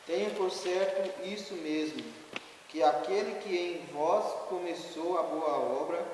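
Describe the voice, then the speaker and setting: A man reading a scripture passage aloud in a slow, deliberate way. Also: high-pitched, a little mellow, slight background noise. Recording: echoey hall, distant mic.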